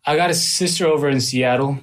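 A man from Canada joins a podcast as a guest, calling in remotely. He answers in a laid-back, halting way at a middle pitch. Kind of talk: casual interview. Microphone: remote call.

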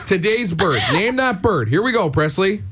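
Animated Canadian male radio promo host. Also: high voice, normal speed, breathy edge. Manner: upbeat, playful teasing. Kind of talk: lively radio contest promo and morning-show banter. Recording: music playing behind the voice. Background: music.

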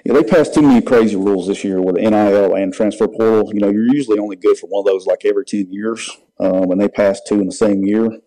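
Low, mellow man chatting sports. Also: steady tone, fast talker, hardly any pauses, low-quality recording. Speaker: podcast guest. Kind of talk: casual sports chat.

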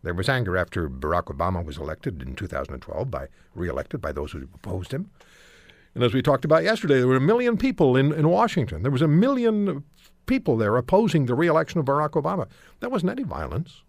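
Firm, animated male radio host. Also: mid-range voice, fast, no room sound, studio quality. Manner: firm, repeating points. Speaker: radio talk show host. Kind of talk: talk radio commentary.

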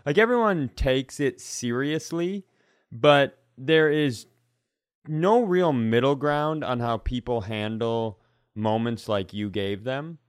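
A man hosts a comedy podcast in a casual, sarcastic way, acting out the characters he quotes. His voice is medium-pitched and smooth, his pace slow, and the sound is clean studio audio with no echo.

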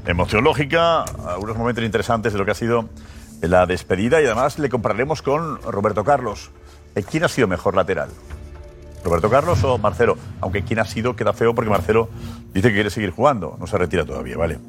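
A man with a Spanish accent hosting a live sports talk show, chatty and animated, with informal asides to the audience. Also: fairly low pitch, fast talker. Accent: Spanish from Spain. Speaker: host. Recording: music bed underneath.

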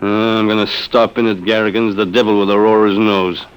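A man's voice: fairly low pitch, little pitch movement, a little fast, soft background music, natural voice, low-quality recording. An actor playing a grumpy, suspicious middle-aged husband and businessman in an old radio drama. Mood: wry, suspicious. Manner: blustering, exasperated.

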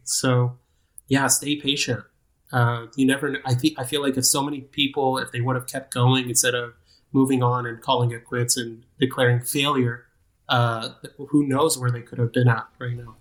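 A man's voice: mid-range voice, level tone, normal speed, fairly bright tone. A man in his thirties, a guest on an interview podcast, talking casually in a rambling, self-deprecating way with frequent restarts. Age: 30s. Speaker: guest, nonprofit program manager.

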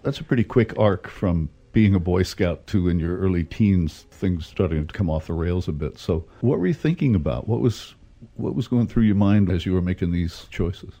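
Deep, husky male interviewer. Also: lively intonation, moderate pace, warm tone, muffled recording. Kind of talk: conversational interview questioning.

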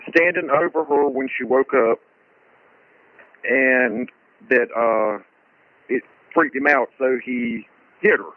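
An anonymous male source whose voice is disguised by an altering filter, recounting what he heard in a halting way with many fillers. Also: mid-range voice, no echo. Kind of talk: recounted hearsay in an interview. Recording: dry, phone-like disguised audio.

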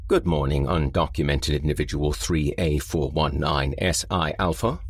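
A man voicing a calm, polite artificial facility voice that soothes a prisoner in an even, machine-like manner. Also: extremely low pitch, moderate pace, breathy edge, no room sound, clean studio sound. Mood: soothing. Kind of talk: storybook horror narration.

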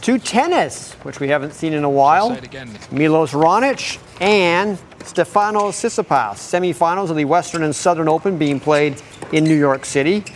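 A man's voice: fairly high pitch, normal speed, slight background noise. A man presenting sports news as an anchor, in an informal, conversational way.

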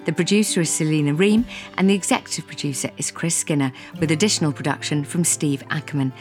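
Low-voiced playful woman host. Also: fast, a little mellow, faint music behind. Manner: playful, teasing. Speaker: podcast host. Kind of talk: casual chat.

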